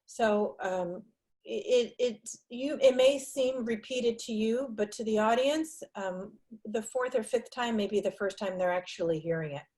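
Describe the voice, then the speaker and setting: A woman's voice: fairly high pitch, unhurried, darkish tone. A woman with a New York accent presenting a business webinar over a video call, businesslike, with ums and restarts.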